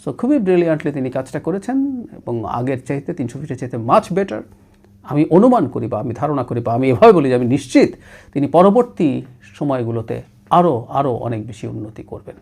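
Middle-aged male political commentator, analytical and animated. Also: medium pitch, normal speed, creaky. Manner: analytical, mixes English words and phrases into Bengali.

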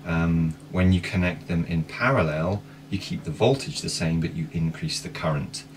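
Sailing vlogger, thirties, very low voice, plain step-by-step explainer, picked up by a distant camera with steady noise. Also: male voice, normal speed. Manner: relaxed, practical, explains step by step. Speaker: sailing vlog host. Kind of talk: casual explainer. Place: inside a sailboat cabin. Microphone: wide camera across a table.

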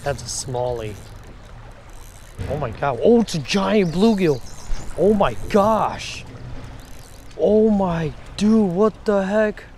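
With a voice that sits high yet has a darkish tone, a man fishing beside a shallow river talks to camera in an expressive, slow way, pausing often. He's a fishing vlogger whose casual, excited chat is slangy and full of exclamations, filmed outdoors on an action camera with background noise.

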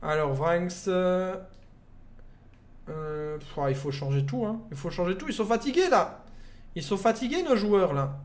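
High-voiced Belgian young streamer. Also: male voice, animated, a little slow. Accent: Belgian French. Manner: casual, joking, talks to chat as "frérot". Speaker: gaming streamer. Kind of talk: live gameplay commentary, chatting with viewers.

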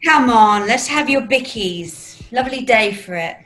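A woman's voice: on the high side, animated, a little slow, fairly bright tone. A woman playing a fussing, coaxing British mother in a rehearsed script reading over a video call. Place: small room at home, video call.

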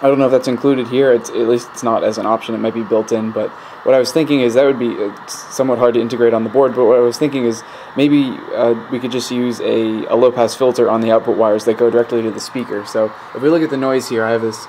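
Speaking quickly in a mid-range voice, the electronics hobby channel host thinks aloud at his indoor workbench, offering a casual, hesitant and rambling technical explanation. The rough audio comes from a handheld camera mic behind the lens, with steady static and background radio static from a speaker.

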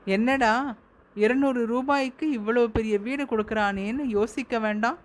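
A woman voicing an irritable husband who asks sharp questions, speaking slowly. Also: a little high, close to an everyday voice. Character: male husband narrator in the story, irritable.

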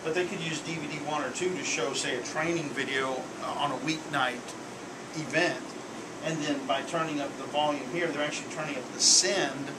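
A man who works as an AV installer, calmly explaining the equipment step by step. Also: a little high, moderate pace, heavy background noise. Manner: matter-of-fact, explains step by step. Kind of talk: technical explanation.

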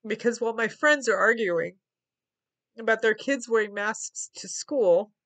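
A woman's voice: fairly high pitch, measured pace, fairly bright tone. Tearful woman, crying as she talks. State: tearful, crying with a choked, snotty voice. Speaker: vlogger. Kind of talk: confessional vlog talk. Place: small wood-paneled room indoors.

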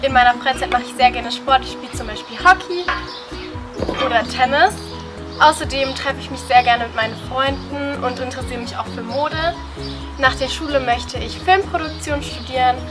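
Teen girl, high voice, prepared intro over music. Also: normal speed. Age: teens. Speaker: student introducing herself. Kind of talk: scripted self-introduction.

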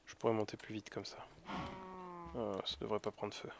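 A man's voice: fairly low pitch, level tone, normal speed, vocal fry, a crowd in the background. A man casually commentating his own gameplay, often muttering and half-whispering to himself. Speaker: let's play gamer.

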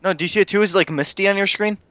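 A man's voice: high voice, very fast, a bit bright, no echo. A man in a casual game session, boasting about his kills and trash-talking his friends in slang. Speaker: co-player. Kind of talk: casual gaming chat.

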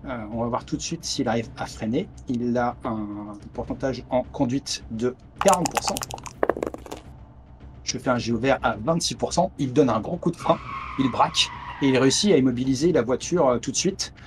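A man's voice: mid-range voice, normal speed, background noise. Man narrating as game master. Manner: hesitant, many fillers. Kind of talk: narrating a tabletop horror game. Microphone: headset on a video call.

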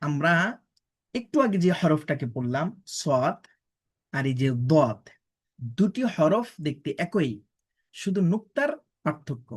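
A woman's voice: low voice, lively intonation, unhurried, long pauses, darkish tone, slightly rough. A woman teaching Quran pronunciation, spelling out letters and vowel marks syllable by syllable and explaining patiently. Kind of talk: pronunciation drill lesson.

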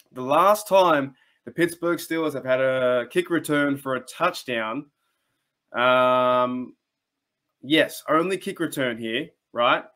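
A young Australian man hosting a sports fan channel, talking casually to camera from a small room at home, chatty and enthusiastic with frequent restarts and asides. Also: mid-range voice.

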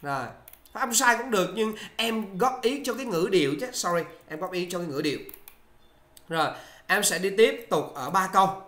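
Bright, chatty tutor in an echoey room. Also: mid-range voice, animated. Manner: chatty and encouraging, many "à" fillers, slows down for English examples. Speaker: English exam tutor. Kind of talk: casual spoken lesson with slow model answers. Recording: roomy, echoey recording.

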